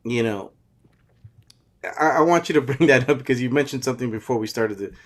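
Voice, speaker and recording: A man's voice: medium pitch, brisk. A man co-hosting a casual soccer fan podcast, greeting viewers by name in an easygoing way. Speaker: co-host.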